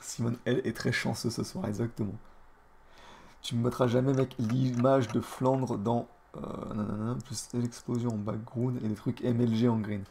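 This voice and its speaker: Gravelly man muttering crude trash talk. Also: medium pitch, little pitch movement, moderate pace, a little hiss or hum. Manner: crude, mocking trash talk at other players; mutters under his breath between louder outbursts. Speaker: game streamer. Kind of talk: casual live-stream commentary.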